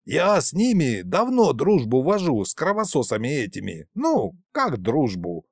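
A sly, fat old trickster spirit who wheedles and whines about his hard lot in folksy speech, as a man puts him on. His pitch leaps up and down, and the audiobook recording is dry and close. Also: huge pitch swings, measured pace, husky, no room sound, exaggerated voice. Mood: whining. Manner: self-pitying, wheedling, folksy.

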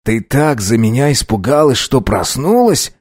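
A man's voice: medium pitch, big pitch swings, unhurried, breathy edge, no room sound. A man voicing a brash young heir, full of himself and teasing, pushing his offers with a smug, playful tone. The voice stays close to the narrator's own, dry and close to the mic.

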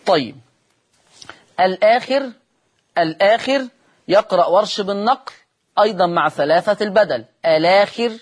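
A man with an Egyptian accent teaching Quran recitation in a televised lesson. He poses questions aloud, answers them himself, and chants the example words slowly and drawn out. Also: high voice. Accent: Egyptian Arabic.

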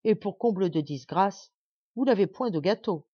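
A woman's voice: mid-range voice, animated, normal speed, husky, dry recording, muffled recording. A woman voicing a disdainful little male dwarf, a brash, mocking scoundrel in a storybook reading. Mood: scheming.

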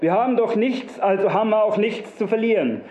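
A man's voice: sits high, fairly quick, a little mellow, a little hiss or hum, voice pushed up, natural voice. A man doing an eager naive villager. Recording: roomy, dull lo-fi recording.

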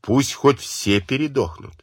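A man's voice: medium pitch, measured pace, no echo, clean studio sound, voice pushed up. A man reading an audiobook and voicing a defiant young woman who hurls scornful accusations at her relatives. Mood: scornful, furious. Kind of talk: audiobook character voice.

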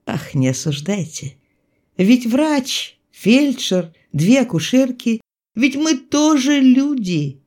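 A woman reading an audiobook and voicing a young male country doctor who speaks excitedly. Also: a little high, takes it slowly, pitched above the performer's own voice. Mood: pleading. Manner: excited, exclaiming.

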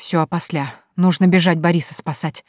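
A woman's voice: on the low side, steady tone, brisk, darkish tone, no echo, studio quality, lightly acted. A woman reading an audiobook, voicing a tearful, spiteful and domineering older merchant's wife who wails and scolds. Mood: pleading. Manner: wailing, scolding, indignant.

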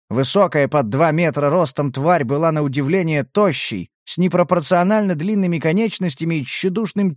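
A man's voice: fairly high pitch, a little mellow, dry recording, studio quality. A man reading a first-person audiobook in a tense, dramatic storytelling manner. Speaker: audiobook narrator. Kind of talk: scripted first-person narration.

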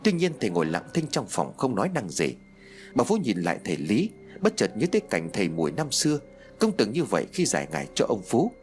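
A man narrating a horror audiobook in an expressive, dramatic storytelling manner. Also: on the low side, fast talker, soft background music.

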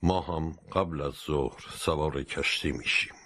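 A man voicing a calm, unflappable middle-aged English gentleman in an audiobook, speaking in a composed, measured way. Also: very deep voice. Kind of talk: audiobook character voice.

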